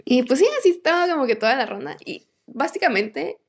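Mexican girl chatting on a podcast, super animated, jumps all over in pitch. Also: a little fast, vocal fry, breathy edge. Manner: animated storyteller acting out quotes, laughs often. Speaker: podcast co-host. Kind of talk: casual chat.

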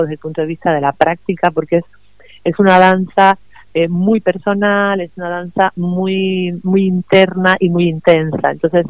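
A middle-aged woman from Cuba, a guest writer speaking warmly and laughing often in a remote radio interview. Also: fairly low pitch, dry recording, lo-fi sound. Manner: warm, enthusiastic, laughs often.

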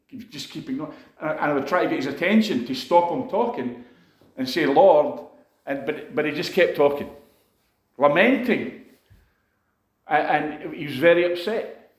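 A man with a fairly high voice tells a personal story from the pulpit, loose and conversational, with plenty of fillers and restarts. His talk is heartfelt, and he keeps turning to the congregation for a response. The sound rings around a roomy, echoing hall. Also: animated, normal speed, long pauses. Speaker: preacher. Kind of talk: sermon testimony. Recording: echoey room.

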